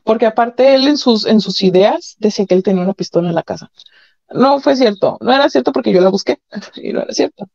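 A woman's voice: fairly high pitch, animated, brisk, vocal fry, a little mellow, muffled recording. A woman telling a caller's candid personal story, frank and matter-of-fact with nervous laughs. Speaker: caller sharing her experiences. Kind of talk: candid personal testimony over a call. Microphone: phone or call line.

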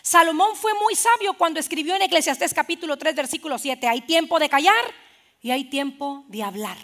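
A woman pastor preaching a sermon in church, animated and playful, acting out little scenes for the congregation. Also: high voice, brisk.

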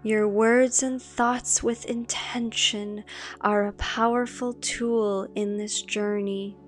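Over meditation music, a woman with a medium-pitched voice narrates a guided meditation with affirmations. She's calm and measured, leaving long pauses between phrases.

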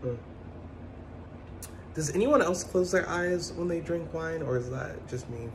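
A man's voice: measured pace, noisy background. A young man filming himself in his home kitchen on a phone held at arm's length, chatting playfully as he walks through a recipe. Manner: playful, chatty, lively pitch swings. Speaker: home cook sharing a recipe. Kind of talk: upbeat cooking video narration. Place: home kitchen and hallway, indoors. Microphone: phone camera held at arm's length. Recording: echoey home kitchen with faint ambience.

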